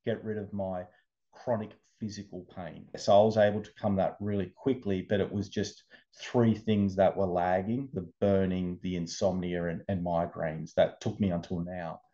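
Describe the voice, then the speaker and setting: A man, an interview guest, telling his recovery story in casual, animated talk, over a video call. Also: low-pitched, moderate pace, highs cut off. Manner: animated storyteller, acts out quoted voices.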